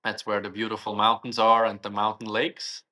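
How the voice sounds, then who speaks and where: A man's voice: on the low side, monotone, moderate pace, pushed and bright. A young man from Switzerland, a guest answering interview questions thoughtfully and searching for his words.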